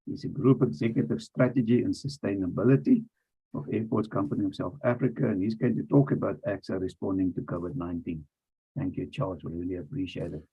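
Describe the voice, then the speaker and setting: A man's voice: low voice, fast, gravelly, breathy edge. A man moderating an online panel over a group voice chat, courteous and chatty as he introduces speakers and apologizes for technical trouble. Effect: group voice chat audio. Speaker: webinar moderator. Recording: dull lo-fi call audio.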